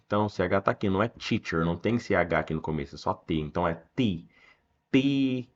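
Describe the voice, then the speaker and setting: Low-voiced Brazilian teacher explaining English. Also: male voice, dull audio. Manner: slows down to read English sentences aloud. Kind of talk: explaining a reading text.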